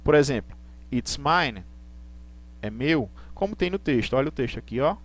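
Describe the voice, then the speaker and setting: Patient teacher. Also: male voice, mid-range voice, animated. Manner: patient, repeats points, reads English examples slowly and deliberately. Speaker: English teacher. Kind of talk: live online class.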